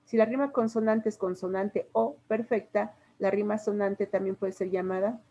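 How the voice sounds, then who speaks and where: A woman's voice: medium pitch, steady tone, normal speed, dark tone, muffled recording. A woman with a Mexican Spanish accent, a literature teacher patiently explaining poetry to a class step by step with examples. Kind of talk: classroom lesson.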